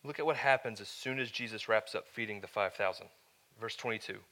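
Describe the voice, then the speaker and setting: A man preaching a sermon to a live congregation, conversational, with joking asides, swinging from hushed to loud. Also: on the low side, fairly quick. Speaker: pastor.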